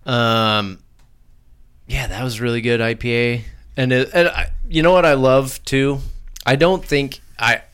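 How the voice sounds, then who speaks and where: A man's voice: medium pitch, steady tone, measured pace, fairly bright tone, clean tone. A young man hosting a casual podcast, rambling and laughing, a little buzzed and swearing freely. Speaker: podcast host. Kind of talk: casual chat.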